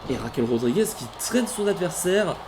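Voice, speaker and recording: A man calling a wrestling video game match play by play, animated, bursting into shouts at big moves and stopping to correct himself. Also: fairly high pitch, moderate pace, a little hiss or hum. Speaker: let's play commentator. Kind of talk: excited play-by-play game commentary.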